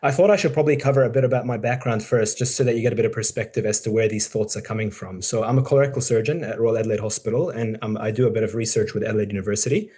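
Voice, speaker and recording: Man, forties, lowish voice, easygoing presenter who talks to colleagues and thinks aloud with ums. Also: racing, few pauses, slightly rough. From born in the UK, raised in Dubai and New Zealand. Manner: relaxed and conversational, frequent ums and restarts. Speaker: surgeon giving a talk. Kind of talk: casual presentation to peers.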